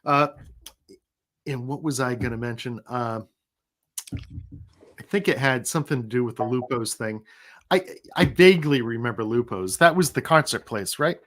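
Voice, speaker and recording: A middle-aged New England man with a Rhode Island accent hosts a casual live chat, chatty as he reads out viewer comments. He speaks at a normal speed with long pauses, in a mid-range, fairly bright voice.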